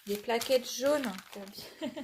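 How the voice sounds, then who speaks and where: A woman with a stuffy nose from a cold, chatting casually through a craft unboxing and often dropping to a soft murmur. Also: on the high side, slow pace, noisy background. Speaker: cross-stitch vlogger.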